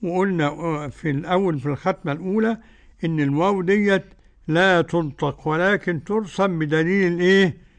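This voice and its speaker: An older man with an Egyptian accent teaching Quran recitation rules, drawing out verses slowly and explaining them quickly. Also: high voice. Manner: slow drawn-out recitation alternating with quick colloquial explanation.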